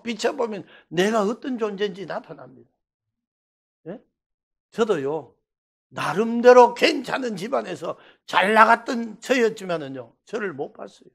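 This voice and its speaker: A middle-aged man from Daegu with a Gyeongsang accent, preaching a revival sermon and telling stories with loud bursts and hushed asides. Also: sits high, moderate pace, creaky. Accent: Gyeongsang Korean. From Daegu, South Korea. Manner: animated storytelling, swinging between loud bursts and hushed asides. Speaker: pastor.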